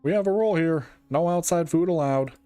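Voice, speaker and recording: A man's voice: a little high, a little fast, dark tone, clean tone, no room sound, faint music behind, voice pushed up, lightly acted. A man voicing a strict police guard in a detective game, curt and officious about the rules. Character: strict male police guard, rigid rule-keeper.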